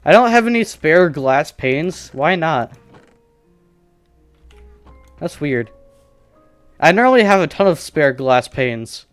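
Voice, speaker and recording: Playing a survival game on stream, a man rambles and thinks aloud, joking at his own expense. His fairly high voice swings widely in pitch, moving slowly with long pauses, in a dry recording with faint music behind.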